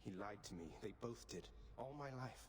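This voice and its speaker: A man's voice: on the low side, fairly quick, close to an everyday voice. A man voicing a defiant young prince of the underworld, speaking in a shocked, questioning way.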